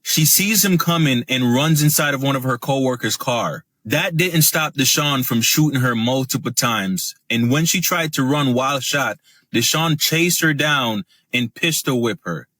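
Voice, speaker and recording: Bright-voiced man recapping a news story. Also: medium pitch, unhurried, no room sound. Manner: steady, matter-of-fact storytelling.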